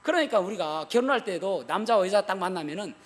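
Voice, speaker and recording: Guy preaching in a church, really animated, jokey asides, big reverb. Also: sits high, fast talker. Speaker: pastor. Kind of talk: sermon. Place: church sanctuary. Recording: long church hall reverb.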